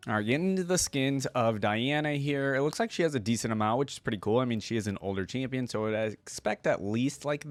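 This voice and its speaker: In a reaction video with no echo, a man with a mid-range voice gives informal, excited commentary. He reads some things aloud and muses as he examines them.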